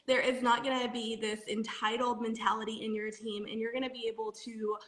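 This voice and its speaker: Bright, animated woman co-host. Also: on the high side, brisk, reverberant. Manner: animated, emphatic, laughs often. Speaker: podcast co-host. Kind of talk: casual chat.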